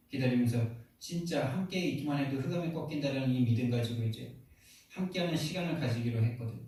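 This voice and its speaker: A man in his forties preaching a sermon as pastor, telling a story in an animated, heated way. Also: mid-range voice. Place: large echoey church hall. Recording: very echoey hall, distant mic.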